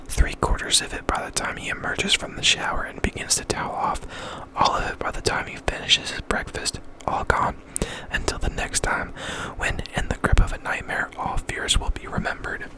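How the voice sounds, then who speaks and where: A man reading a novel aloud as ASMR in a breathy, intimate whisper, very close, as if right in the listener's ear. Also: normal speed, poor audio.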